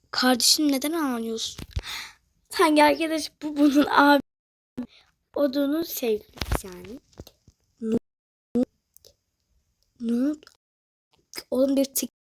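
A young woman narrating and voicing characters in a toy-style game role-play, swinging between loud excited lines and hushed whispers. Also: high voice. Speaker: toca life roleplay creator.

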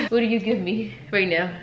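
A woman's voice: medium pitch, measured pace, fairly bright tone, a little hiss or hum. Chatty woman vlogger in an echoey room. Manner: chatty, addresses viewers as "you guys". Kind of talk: casual vlog chat with sponsor read. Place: home room.

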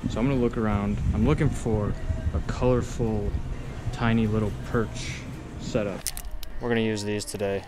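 A young man in his twenties, talking casually to an action camera as a fishing vlogger, excited and laughing. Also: on the low side, moderate pace, noisy background. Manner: excited, laughing, says he is shaking. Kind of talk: casual vlog narration and chat. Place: store aisle and ice fishing shelter.

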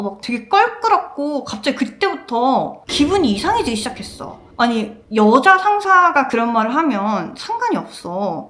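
Brief: young woman vlogger, animated storytelling, fairly high lively voice, roomy echo. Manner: animated, acts out quoted lines. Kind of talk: casual storytelling.

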